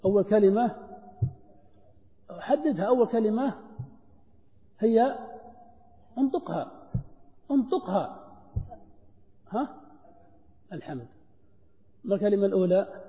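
High-voiced man teaching grammar. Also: animated, measured pace, long pauses, warm tone. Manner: questions students and drills answers. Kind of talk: classroom grammar lesson. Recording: dull lo-fi lecture recording in a hall.

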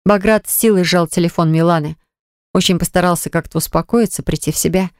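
A woman narrating a romance novel in a measured, expressive reading style. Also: fairly low pitch, no echo, clean studio sound. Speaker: audiobook narrator.

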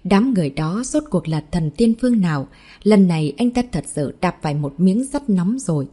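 A woman reading a martial arts novel aloud in a steady narration voice, voicing every character in the same plain tone. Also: fairly low pitch, moderate pace, husky. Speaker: audiobook narrator.

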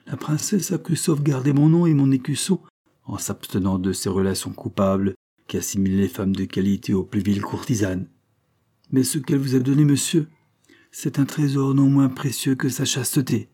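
A man voicing a jealous, anguished prince who pleads his case vehemently in a story reading, with a husky, mellow voice. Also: mid-range voice, moderate pace, voice pushed up, close to an everyday voice. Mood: bitter, vehement. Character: anguished jealous prince, a wronged noble husband.

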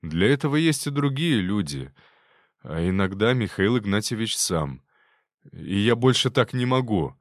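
Brief: male reader doing a frightened young servant, halting and unsure, low voice, lively inflection, dry close sound. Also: dry recording. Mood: confessing. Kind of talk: audiobook character voice.

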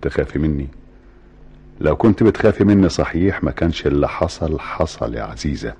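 A man's voice: extremely low pitch, expressive, a little fast, mellow, husky, heavily acted. An actor with an Egyptian accent playing a cold, grim father who disowns his son in a radio drama. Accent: Egyptian Arabic.

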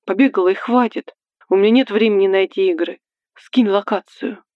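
A woman's voice: mid-range voice, fairly quick, dry recording, phone-quality sound, lightly acted. A woman reading the part of a selfish, controlling young man who commands and threatens his girlfriend. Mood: demanding. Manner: commanding and menacing, turns coaxing.

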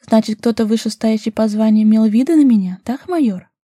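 A woman's voice: a little high, brisk, mellow, husky, dry recording, clean studio sound, voice pushed up. A woman voicing a bold, teasing young woman who presses her lover with questions, in a storybook reading.

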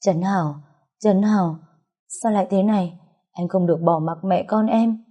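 A woman's voice: mid-range voice, moderate pace, mellow, natural voice. A woman voicing a grief-stricken pregnant young woman who pleads through sobs. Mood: pleading. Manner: sobbing, pleading.

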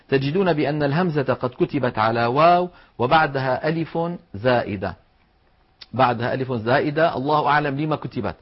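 A man's voice: mid-range voice, slightly rough, lo-fi sound. A man teaching a lesson on Quran recitation rules, explaining each point methodically and pronouncing the words aloud to demonstrate them.

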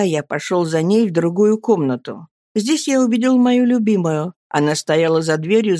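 A woman narrating a classic novel as an audiobook reader, steady and expressive. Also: mid-range voice, no room sound, clean studio sound.

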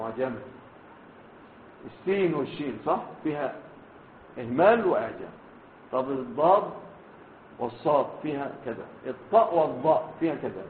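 Egyptian male sheikh, classroom hadith lecture, fairly high voice, keeps quizzing the room, echoey phone-quality recording. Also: slight background noise. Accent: Egyptian Arabic. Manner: checks on students with frequent questions; spells out letters slowly and deliberately. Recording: echoey room over a tinny phone-like line.

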